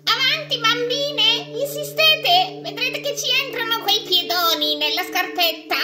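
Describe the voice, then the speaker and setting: A woman's voice: very high voice, lively intonation, a little slow, background noise, voice pushed up. A woman voicing a bossy, scornful wicked stepmother in a puppet fairy tale, commanding in a singsong way. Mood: bossy, urging. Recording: loud music behind the voice.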